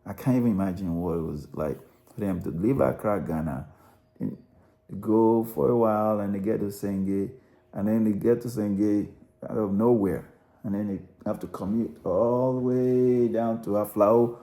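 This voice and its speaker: Low, mellow-voiced Nigerian man narrating. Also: moderate pace. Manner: rambling, self-correcting, repeats words. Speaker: narrator analysing a song. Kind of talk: unscripted spoken commentary.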